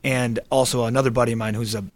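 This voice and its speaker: A man's voice: medium pitch, level tone, racing. A man in his thirties, a guest improv comedian chatting casually, rambling with lots of fillers and restarts. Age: 30s. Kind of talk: casual interview chat.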